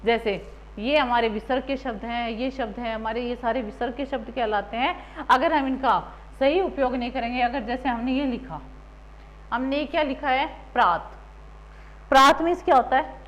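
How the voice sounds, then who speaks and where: A woman's voice: high-pitched, moderate pace, a little hiss or hum, rough recording. A woman teacher giving a grammar lesson, asking the class questions and then answering them herself.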